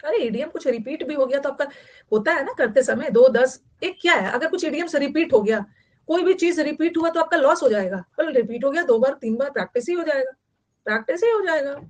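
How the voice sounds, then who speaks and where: Brief: woman teacher, fairly high voice, chatty online lecture, repeats words for note-taking. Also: animated, fairly quick. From Bihar, India. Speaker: vocabulary teacher.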